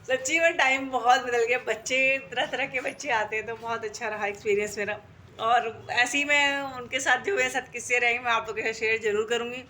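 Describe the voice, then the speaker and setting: Young teacher lady vlogging, bright higher voice, chatty and giggly, bit of room hum. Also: steady tone, normal speed. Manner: chatty, laughs while telling stories. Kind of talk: casual storytelling vlog.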